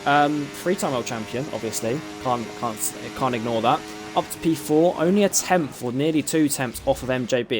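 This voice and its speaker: Male commentator, Essex accent, mid-range voice, relaxed live sim racing play-by-play with self-corrections, music playing underneath. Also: medium pitch. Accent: Essex English. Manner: chatty, stumbles over driver names and corrects himself. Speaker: league race commentator.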